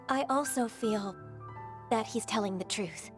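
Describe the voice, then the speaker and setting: A woman voicing a gentle, dutiful young secretary in a game, soft-spoken and formal. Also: on the high side, takes it slowly, faint music behind.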